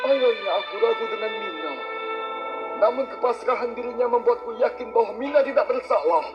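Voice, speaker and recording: A man voicing a stern, pompous judge in an animated courtroom drama, speaking in formal, grandiose declarations. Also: very high-pitched, a little fast. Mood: solemn. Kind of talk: dramatic animated story dialogue. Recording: dull lo-fi audio with music behind.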